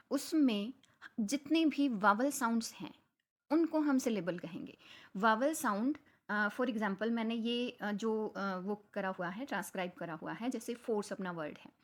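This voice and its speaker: A young woman, a Hindi speaker, explaining a lesson in a conversational way and mixing terms into her Hindi. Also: fairly high pitch. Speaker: English teacher. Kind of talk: explanatory lecture.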